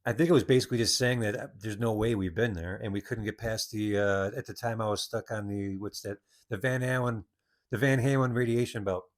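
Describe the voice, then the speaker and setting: A man's voice: lowish voice, fairly even intonation, fairly quick. A man hosting a podcast, telling a story in a rambling, casual monologue with many restarts. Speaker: podcast host.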